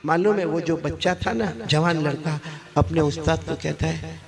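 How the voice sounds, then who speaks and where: High-voiced man preaching to a crowd. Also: normal speed. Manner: swings from low storytelling to high shouted exhortation; calls on the audience to respond. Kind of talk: Islamic sermon to a live crowd. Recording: crowd audible behind.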